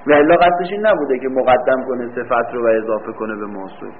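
A man teaching a grammar lesson, explaining step by step, asking the class questions and drawing out example words slowly. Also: medium pitch, slight background noise. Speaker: teacher of Arabic morphology. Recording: tinny phone-like recording.

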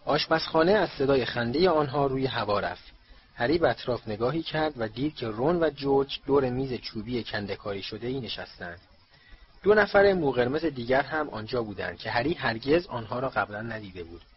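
Male audiobook narrator, measured storytelling. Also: mid-range voice, animated. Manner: measured storytelling with voiced characters. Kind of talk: scripted narration of a novel. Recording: slightly dull recording, faint hiss.

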